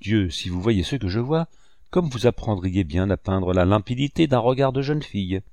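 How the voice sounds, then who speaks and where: Man doing an earnest young painter in a storybook, ardent, lecturing, low mellow voice. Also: animated, normal speed, dry recording. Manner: earnest, instructive, pleading.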